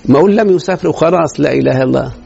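A man's voice: on the high side, rapid-fire, gravelly, warm tone, slightly rough. A man with an Egyptian Arabic accent teaching a grammar lesson in a classroom, quizzing students with rhetorical questions. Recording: dull lo-fi recording.

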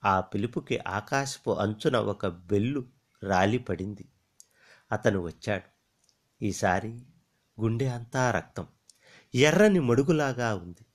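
A man's voice: fairly low pitch, animated, slow, pauses often. A man narrating a poetic story in a solemn, rhythmic manner.

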